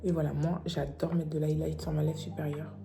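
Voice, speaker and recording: A young woman chatting casually through a makeup tutorial, playful and self-mocking with quick asides. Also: deep voice, little pitch movement, creaky. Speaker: beauty vlogger.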